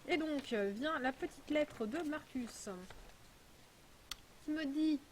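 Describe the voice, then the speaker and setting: Chatty woman with a high voice. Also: slow, a little hiss or hum. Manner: chatty, rambling, full of hesitations. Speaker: vlogger unboxing a parcel. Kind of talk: casual chat.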